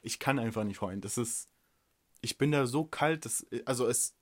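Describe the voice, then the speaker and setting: Male podcast co-host, mid-pitched voice, blunt and direct, casual chat. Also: moderate pace. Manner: frank, direct, rambling with fillers.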